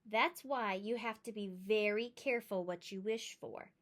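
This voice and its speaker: A woman voicing a gentle, wise, whimsical old grandmother, speaking tenderly in a storybook read-aloud. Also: mid-range voice, a little slow, close to an everyday voice. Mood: quiet wonder. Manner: soft-spoken, tender.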